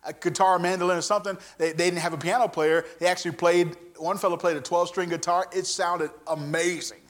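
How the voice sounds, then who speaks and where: A man from the American Midwest preaching a sermon, telling a story with lively swings between loud excited talk and hushed near-whispers, often repeating words as he goes. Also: high-pitched, fairly quick. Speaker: traveling preacher.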